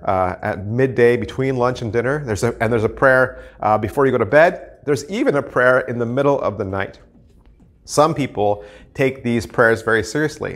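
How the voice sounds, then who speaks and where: Earnest pastor talking in empty church. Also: male voice, mid-range voice. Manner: earnest, conversational, gestures while talking. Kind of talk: devotional sermon to camera. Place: empty church sanctuary, indoors, large. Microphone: lapel mic.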